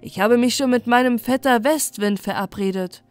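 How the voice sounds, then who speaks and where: A woman's voice: on the high side, moderate pace, soft background music, natural voice. A woman voicing a vain, good-natured male moon with a pompous manner in a storybook. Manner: pompous, scheming. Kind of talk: storybook reading.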